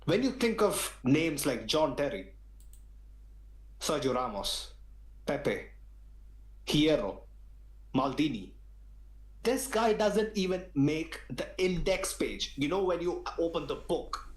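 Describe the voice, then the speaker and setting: A man's voice: a little high, very animated, takes it slowly, long pauses, roomy sound, rough recording. A man on a football fan podcast, ranting in an emphatic, slangy way. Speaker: podcast panelist. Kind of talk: heated football podcast talk.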